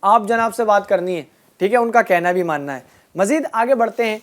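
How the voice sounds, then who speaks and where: A woman teaching a group of children, asking them questions and repeating their answers, and drawing out key words slowly. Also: mid-range voice. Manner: asks a question, then repeats the answer back. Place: room with children and a passed microphone.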